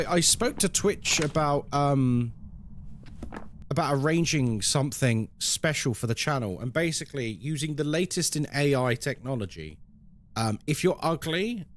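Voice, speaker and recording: A man chatting casually as a live game streamer, with playful, tongue-in-cheek banter and commentary for his viewers. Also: mid-range voice.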